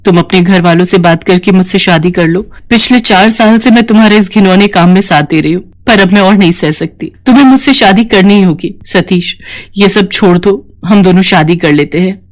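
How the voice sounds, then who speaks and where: A woman's voice: medium pitch, moderate pace, natural voice. A woman voicing an earnest young nurse. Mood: resolute. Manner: earnest, emotional dialogue. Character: young female nurse, principled and outspoken. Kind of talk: storybook drama.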